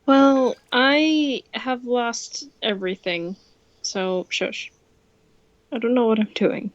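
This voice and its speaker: A young woman streams a co-op game, chatting casually and exclaiming readily as she reacts to the play. Her voice is on the high side with a steady tone and slow pace, recorded lo-fi with no room sound.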